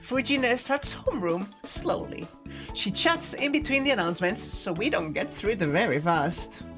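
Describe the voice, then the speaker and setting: A woman's voice: mid-range voice, expressive, moderate pace, music in the background. A woman streaming a visual novel, narrating it aloud and breaking into amused, sweary casual commentary.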